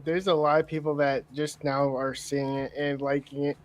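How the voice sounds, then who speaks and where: A man's voice: fairly high pitch, little pitch movement, moderate pace. A man chiming into a casual chat with teasing remarks. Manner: teasing interjections.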